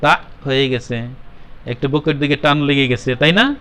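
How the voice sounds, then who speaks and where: A man's voice: medium pitch, moderate pace, bright, forceful tone, smooth. A man with a Bangladeshi Bengali accent, a Quran recitation teacher patiently drilling a class of children on letter sounds and calling on pupils by name. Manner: patient, repetitive, calls on pupils by name and corrects them.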